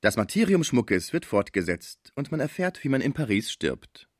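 A man narrating an audiobook in a measured, even reading. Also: medium pitch, dry recording, clean studio sound. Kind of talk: scripted narration.

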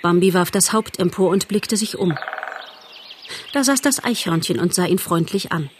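Woman reading a story aloud, calm and even, slight hiss behind. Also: lowish voice, moderate pace. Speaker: narrator. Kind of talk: audiobook reading.

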